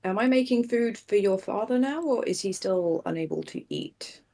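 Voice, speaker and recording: A woman's voice: mid-range voice, expressive, normal speed, vocal fry, dark tone. A woman playing a tabletop game, chatting in a friendly, practical way. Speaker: player. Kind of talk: casual game chat.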